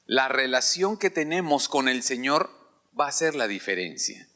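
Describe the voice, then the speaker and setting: A man's voice: medium pitch, big pitch swings, moderate pace, pushed and bright. A male pastor preaching a sermon in a church, calling out hallelujah and having the congregation repeat phrases after him.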